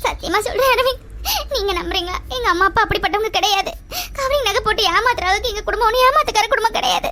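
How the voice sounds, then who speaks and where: A woman's voice: extremely high pitch, animated, fast talker, a bit bright. A woman playing an anxious young woman who defends her family, tearful and pleading in a family drama skit.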